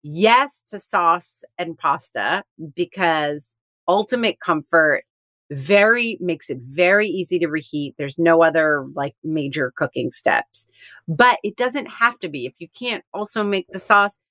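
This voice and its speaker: A woman with a fairly low voice co-hosting a food podcast, chatting eagerly and laughing easily. Her sound is dry and close, with no room around it. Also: lively intonation, unhurried, a bit bright, no echo. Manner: enthusiastic, talkative, laughs often. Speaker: podcast co-host. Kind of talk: casual chat.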